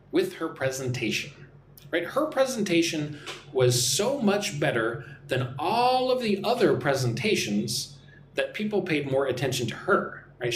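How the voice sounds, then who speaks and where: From a room in his home in Vietnam, a young man from Texas hosts a live English lesson, reading out chat messages and responding. His manner is chatty and jokey, with lots of movement in his pitch. Faint room hum sits under his voice.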